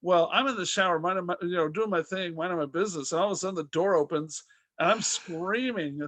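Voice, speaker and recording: A man's voice: high voice, fast talker, a bit bright, no echo. A man hosting a comedy podcast, telling a rambling story and asking questions, full of fillers and laughs. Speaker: podcast host and comic. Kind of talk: casual interview chat.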